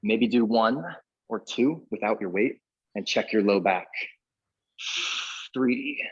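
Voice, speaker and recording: A man's voice: on the low side, takes it slowly, slightly rough, lo-fi sound. A man coaching a live workout in an echoey indoor room, giving short cues and counting reps as he exercises along. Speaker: fitness coach leading a workout class.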